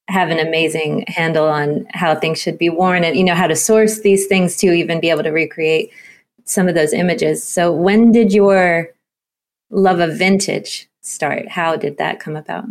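A woman's voice: low voice, fairly even intonation, moderate pace. A woman hosting a podcast, asking a guest questions with enthusiasm. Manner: enthusiastic, inquisitive. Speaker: podcast host. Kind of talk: interview questions.

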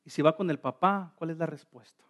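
A man preaching with a high, light voice. He tells a story in short phrases and keeps asking the congregation questions. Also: brisk, a bit bright. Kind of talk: sermon in Spanish with live interpretation.

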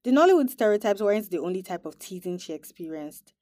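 A woman hosting a podcast, narrating in a reflective, measured scripted style. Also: medium pitch, big pitch swings, a little mellow, no echo, clean studio sound. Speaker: podcast host.

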